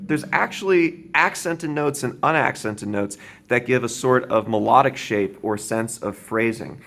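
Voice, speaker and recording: A man teaching drums, explaining a beginner beat and counting aloud with a steady, patient manner, often checking in with "right?". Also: mid-range voice, a little slow, creaky, noisy background. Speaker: drum teacher. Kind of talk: instructional demonstration. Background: drum kit playing.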